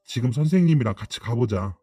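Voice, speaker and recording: A man's voice: mid-range voice, animated, quick pace, warm tone, no echo, clean studio sound, soft background music, natural voice. A man playing a worried schoolteacher who speaks carefully and soothingly in a radio story.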